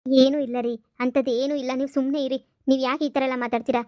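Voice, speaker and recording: A woman voicing a caring middle-aged mother and wife in a cartoon, speaking in a soothing, gently coaxing way. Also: sits high, flat delivery, fast talker, no room sound, highs cut off, close to an everyday voice. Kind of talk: cartoon voice acting.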